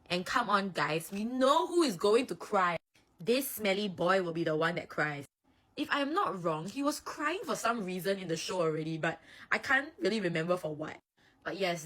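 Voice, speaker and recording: A woman's voice: on the low side, fairly bright tone. Chatty woman spinning playful fan stories. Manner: chatty, playful, acts out voices. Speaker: anime fan video host. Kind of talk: casual storytelling commentary.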